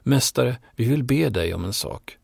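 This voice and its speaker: A man's voice: medium pitch, expressive, vocal fry, a little mellow, husky, dry recording, clean studio sound, full character voice. A man voicing two male disciples, speaking in an eager, asking way.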